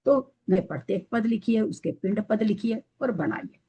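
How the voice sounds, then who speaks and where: A woman's voice: fairly high pitch, expressive, moderate pace, breathy edge, dull audio. A woman teaching an online scripture class, explaining patiently step by step while her audio cuts in and out over a weak connection. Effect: audio cutting in and out over a weak connection.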